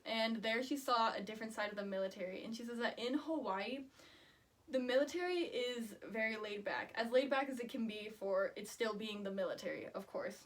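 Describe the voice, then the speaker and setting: A woman student giving a prepared oral presentation on her research in an earnest, explanatory manner. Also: on the high side. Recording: distant microphone.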